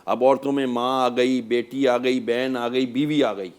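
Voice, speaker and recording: A man's voice: medium pitch, fairly even intonation, smooth. A man speaking as an Islamic scholar guest in a talk-show discussion, preacherly and rising to emphatic exhortation.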